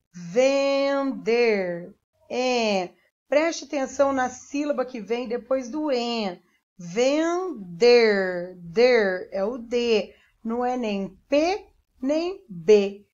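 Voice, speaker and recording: This dull, lo-fi clip captures a remote classroom session where a Brazilian woman teaches primary pupils, patiently spelling out each sound and syllable. Her Brazilian Portuguese accent comes through in a voice that sits high and has a darkish tone.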